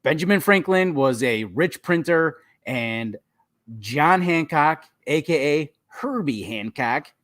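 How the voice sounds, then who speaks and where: A man's voice: a little high, lively intonation, slow pace, fairly bright tone, no room sound, clean studio sound. A man co-hosting a casual podcast over a remote call, joking and laughing often, with some swearing. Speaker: podcast co-host.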